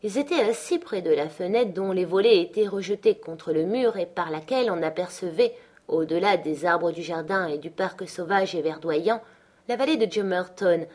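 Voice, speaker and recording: A woman narrating a classic novel as an audiobook in a measured storytelling manner. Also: fairly low pitch, lively intonation, a little mellow.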